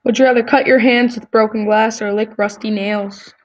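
A woman's voice: fairly high pitch, steady tone, normal speed, highs cut off. A woman YouTuber chatting casually as she answers quiz questions, giving blunt opinions with frequent ums and restarts.

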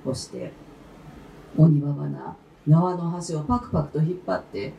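A woman narrating an old folktale live in a lively, expressive dialect storytelling style. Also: low-pitched, normal speed, gravelly. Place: concert venue. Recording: roomy live hall with faint instruments. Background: faint traditional instruments.

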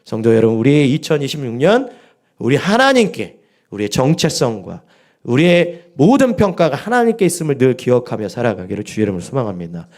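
A man's voice: medium pitch, big pitch swings, a little fast, darkish tone. A middle-aged male pastor delivering a dawn sermon, telling a story with quoted dialogue and building to emphatic exhortation. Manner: rises to emphatic peaks when exhorting.

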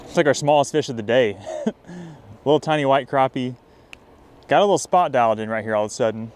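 A young man narrating his night fishing trip by a riverbank in a casual vlog style. He gets excitable, whooping and hollering whenever a fish bites. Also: mid-range voice, a little fast, a little hiss or hum. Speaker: fishing vlogger. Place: riverbank near a dam at night, outdoors.

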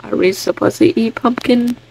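A woman giving casual, excitable commentary on a game she is playing, chatty and often restarting her words. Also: a little high, normal speed, a little hiss or hum, rough recording. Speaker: gaming video creator.

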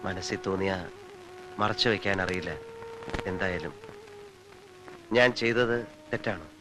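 A man's voice: sits low, measured pace. An actor playing a devoted young man in a film scene, pleading earnestly and tenderly. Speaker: film character. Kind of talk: 1990s film acting.

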